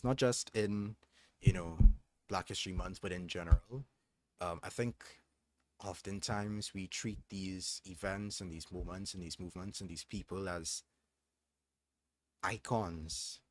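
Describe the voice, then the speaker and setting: A young man's low-sitting voice comes through with no echo as he hosts a livestream. He reads aloud from a book and chats in a thoughtful, hesitant manner, frequently restarting.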